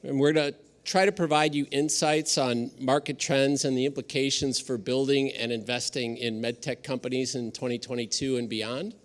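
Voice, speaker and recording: An American man in his fifties hosts a conference panel. He speaks in a polite, formal way at an ordinary middle pitch as he introduces the speakers and poses questions. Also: steady tone, normal speed, hardly any pauses. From United States. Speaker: panel moderator.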